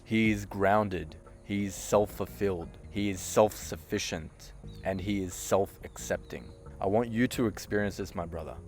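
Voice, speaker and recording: A man who works as a communication coach, giving an emphatic motivational monologue to camera, with sentences that end flat and firm, and his loudness swinging between punchy and hushed. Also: sits low, moderate pace. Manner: flat, downward-ending sentence endings. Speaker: communication coach and podcast host.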